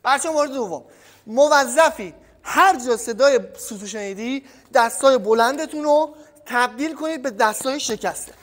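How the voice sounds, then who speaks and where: Man with a cold, boxing coach, energetic then trailing off, long reverb in a gym, no mic. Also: very high-pitched. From Iran. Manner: energetic, addresses viewers as kids, trails off quietly. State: has a cold. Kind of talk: casual training tutorial. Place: gym by a punching bag. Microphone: no microphone, camera audio.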